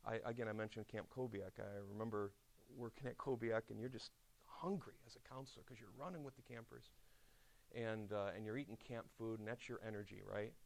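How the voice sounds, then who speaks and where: A middle-aged man preaches a chapel sermon in a gravelly voice. He tells stories with lively asides and talks straight to his listeners. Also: fairly low pitch, fairly quick. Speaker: pastor. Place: seminary chapel.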